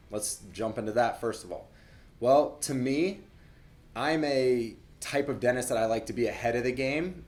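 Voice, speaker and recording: Casual, low-voiced man explaining dental care. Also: a little mellow. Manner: conversational, repeats words, fillers. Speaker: dentist. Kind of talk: casual explainer talk to camera.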